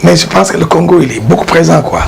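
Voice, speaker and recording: A man, an art dealer and collector, explaining his pieces in a casual interview, halting and repeating words as he goes. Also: fairly high pitch, expressive, vocal fry. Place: exhibition hall with his collection. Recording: noisy background hiss.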